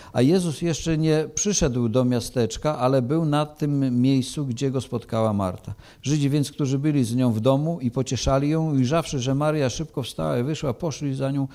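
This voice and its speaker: A man's voice: mid-range voice, dark tone. A man preaching, reading a Bible passage aloud and then explaining it, with frequent hesitations.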